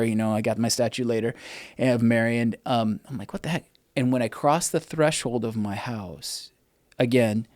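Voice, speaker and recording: A middle-aged man, an interview guest, telling his personal testimony in a candid, animated way and acting out the dialogue. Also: mid-range voice, no echo, clean studio sound.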